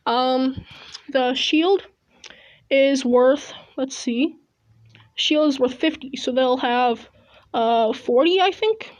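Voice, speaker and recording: A woman's voice: high-pitched, takes it slowly, long pauses, lo-fi sound. A woman giving casual, rambling gameplay commentary at home, chewing gum, recorded through an earbud mic with many stops and restarts. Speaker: gaming video host. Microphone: earbud headset mic.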